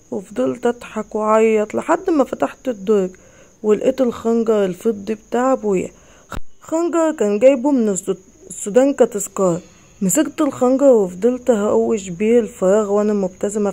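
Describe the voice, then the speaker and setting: A woman's voice: fairly high pitch, warm tone. A woman with an Egyptian accent narrating a first-person horror story in an emotional, intense way. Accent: Egyptian Arabic.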